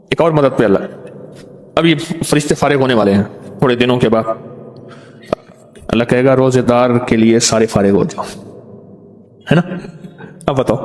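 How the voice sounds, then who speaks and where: A man preaching a storytelling sermon, animated and repeating phrases for emphasis. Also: fairly high pitch. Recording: long reverb.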